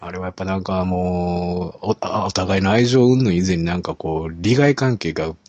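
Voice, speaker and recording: A man co-hosting a radio talk show, musing in a relaxed, reflective way. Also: deep voice, normal speed, dry recording, highs cut off. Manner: relaxed, reflective, frequent backchannel nods. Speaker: radio co-host. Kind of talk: casual chat.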